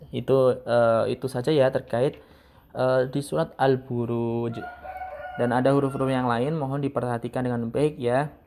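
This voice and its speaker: A young man teaching Quran recitation in a casual lesson, slowly repeating sounds to demonstrate them. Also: mid-range voice, a little mellow.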